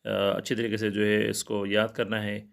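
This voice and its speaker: A man teaches Quran recitation in a low, steady voice. He explains each common mistake plainly, repeats points often and pauses on fillers. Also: vocal fry.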